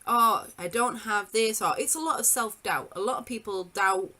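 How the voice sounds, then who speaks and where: A woman's voice: medium pitch, moderate pace, sharp tone. A woman hosting a podcast in a casual chat, informal and self-deprecating. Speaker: podcast host.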